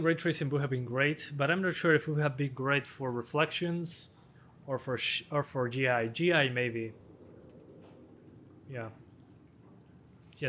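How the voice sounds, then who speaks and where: Slightly hoarse young man streaming casually. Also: mid-range voice, fairly bright tone, slight background noise. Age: 20s. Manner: casual, offhand, chuckles between answers. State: slightly hoarse, losing his voice. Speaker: PC hardware tester and streamer. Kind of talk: live-stream chat answering viewer questions.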